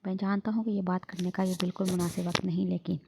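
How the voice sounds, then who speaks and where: A woman voicing a gentle, protective elder brother who speaks softly and consolingly. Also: on the low side, flat delivery, quick pace, vocal fry, a little hiss or hum. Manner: soft, consoling.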